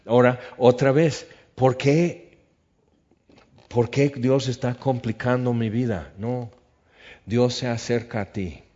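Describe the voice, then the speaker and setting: A man's voice: mid-range voice, steady tone, measured pace, warm tone. A man preaching a sermon, animatedly acting out biblical dialogue. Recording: dull lo-fi sound.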